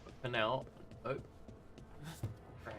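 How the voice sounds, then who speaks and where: A man's voice: mid-range voice, flat delivery, slow pace. A man streaming a fantasy game, thinking aloud in casual, rambling commentary and chatting to viewers.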